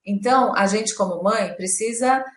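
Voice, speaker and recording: A woman's voice: medium pitch, normal speed. Chatty mother in an echoey room. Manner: chatty, earnest, with many fillers. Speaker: co-host and mother. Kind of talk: live parenting talk.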